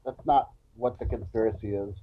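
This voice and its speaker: A man co-hosting a casual chat, blunt, argumentative and quick to swear. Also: fairly low pitch, steady tone, a little hiss or hum. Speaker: co-host. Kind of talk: casual chat with call-ins. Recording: tinny phone-like call line.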